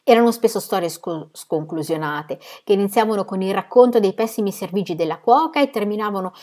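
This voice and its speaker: A woman reading a novel aloud in steady, measured storytelling. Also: mid-range voice. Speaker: reader.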